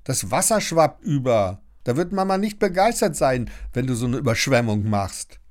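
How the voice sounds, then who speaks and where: A man voicing a lively, bossy young girl in a storybook reading. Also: mid-range voice, moderate pace, lightly acted. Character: spirited young girl, quick-tempered but fond.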